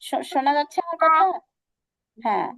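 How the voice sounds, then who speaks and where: A woman's voice: high voice, animated, vocal fry, a bit bright. A woman teaching an online recitation class, patient and repetitive, asking her students questions. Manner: patient, repeats examples slowly, asks students questions.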